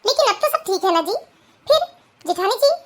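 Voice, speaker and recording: A woman voicing a simple, meek young bride in a cartoon, speaking softly and obligingly. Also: extremely high pitch, very animated, moderate pace. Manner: soft, obliging, hesitant.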